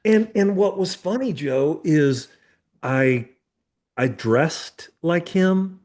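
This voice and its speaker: A man's voice: a little high, expressive, slow, darkish tone. A man in his fifties, a therapist hosting a podcast, chatting casually with many restarts and casual swearing. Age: 50s. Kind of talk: casual conversation.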